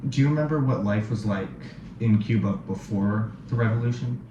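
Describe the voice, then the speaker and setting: A man's voice: on the low side, a little fast, muffled recording. A man hosting his own channel, asking interview questions in a polite, earnest way. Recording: roomy and noisy.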